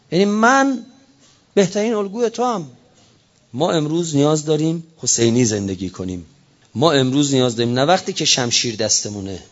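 A man preaching a religious sermon, swinging between low, slow phrases and impassioned rising cries, with prayers woven in. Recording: dull lo-fi recording.

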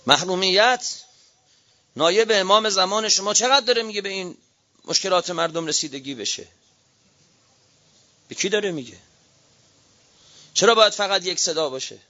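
A man with a Persian accent from Qom, a cleric preaching a fiery sermon, swinging from quiet reasoning to shouted rhetorical appeals. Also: high-pitched, long pauses. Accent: Iranian Persian, Qom. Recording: dull lo-fi recording.

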